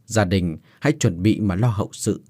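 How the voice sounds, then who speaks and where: A man's voice: low-pitched, moderate pace, darkish tone, dry recording, studio quality. A man voicing a young doctor who speaks in a formal, somber way. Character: young male doctor delivering bad news.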